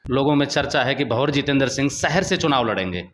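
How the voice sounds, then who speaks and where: A man's voice: medium pitch, expressive, fast, a bit bright, a little hiss or hum. A male journalist interviewing a politician, asking pointed, confrontational questions.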